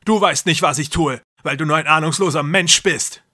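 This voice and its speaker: A man voicing a cruel, deluded young man who believes he is a god, speaking loudly and feverishly. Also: a little high, moderate pace, voice pushed up. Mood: raving menacing. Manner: loud, intense, feverish delivery.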